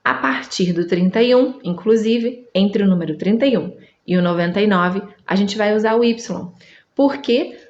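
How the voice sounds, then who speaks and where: A Brazilian woman whose first language is Portuguese, teaching Spanish in an online lesson, drawing out each word slowly and checking in with her listener. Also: medium pitch, a little mellow, roomy sound, muffled recording. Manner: slow, drawn-out drilling of words, checks in with the listener.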